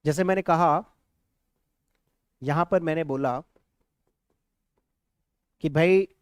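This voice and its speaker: A man with an Indian accent teaches spoken English on a live stream, repeating each example phrase slowly and at length. His voice sits a little high for a man. The sound is close and dry, with no room echo. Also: clear, resonant tone. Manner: mixes Hindi and English, repeats example phrases, reads out viewer comments.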